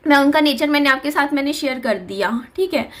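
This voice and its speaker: High-voiced young woman confiding a story. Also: brisk. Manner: earnest, repetitive, confiding. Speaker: vlogger. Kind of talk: personal storytelling to camera.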